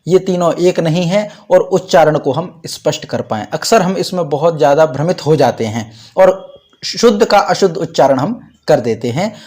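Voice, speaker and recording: A man teaching Sanskrit pronunciation, speaking slowly and carefully and repeating sounds to demonstrate them. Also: a little high, lively intonation, a little mellow. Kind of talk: pronunciation lesson.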